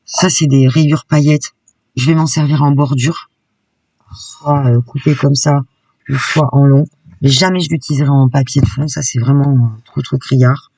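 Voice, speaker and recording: A woman's voice: extremely low pitch, steady tone, moderate pace, warm tone, slightly rough, dry recording, recorded from a distance. A woman YouTuber chatting enthusiastically through a casual shopping haul vlog. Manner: chatty and enthusiastic, peppered with "hein". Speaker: craft YouTuber.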